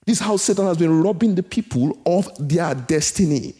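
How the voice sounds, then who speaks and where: A man preaching a sermon, emphatic, repeating his phrases and dropping from loud bursts to hushed lines. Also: a little high, lively intonation, moderate pace.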